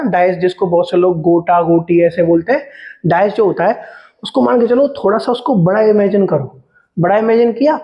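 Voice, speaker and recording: A man's voice: high voice, lo-fi sound. A man teaching maths, working calculations step by step in a talkative way, calling his students "beta" and asking and answering his own questions. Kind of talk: explaining step-by-step calculations on a board.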